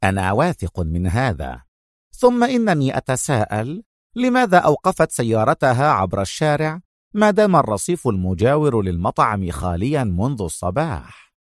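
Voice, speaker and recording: A man voicing a shrewd, suspicious Italian restaurant owner who speaks in a smooth, guarded, calculating way. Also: medium pitch, big pitch swings, moderate pace, no room sound, clean studio sound, close to an everyday voice.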